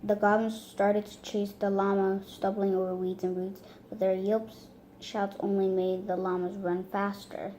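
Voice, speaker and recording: Woman reading a children's book aloud, halting. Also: mid-range voice, little pitch movement, mellow, a little hiss or hum, low-quality recording. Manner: halting reading with misread words. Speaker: reader.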